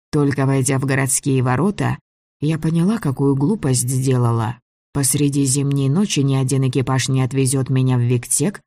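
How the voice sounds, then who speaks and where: An audiobook reader narrating a first-person fantasy story in an even, measured way. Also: medium pitch, no room sound, studio quality.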